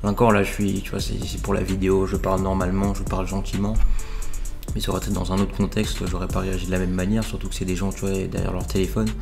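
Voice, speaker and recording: A young man signing off to his viewers in a quiet, low-key, hesitant way. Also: completely flat delivery, quick pace, vocal fry, over music. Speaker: vlogger. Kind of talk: calm outro to viewers.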